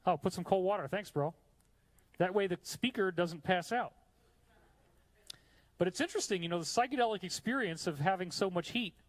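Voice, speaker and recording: A man's voice: high-pitched, moderate pace, pauses often. A man from New York giving a live lecture with slides in a hot room, explaining eagerly and chatting to the audience between points. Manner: enthusiastic, chatty asides to the audience. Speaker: conference speaker.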